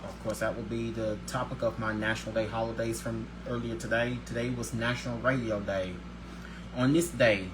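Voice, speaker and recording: A man hosts his own daily video show in an upbeat, religious way, reading a script aloud and tripping over words as he goes, then starting them over. His pitch sits at a middle height. A steady hiss of background noise runs under the recording. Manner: reads with stumbles and restarts.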